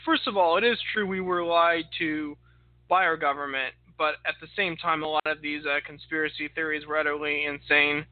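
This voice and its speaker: A man explains things steadily and a little wryly in a casual political chat. His voice is somewhat high. The recording is dry and narrow, like a phone line. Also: fairly even intonation, a little fast, no echo.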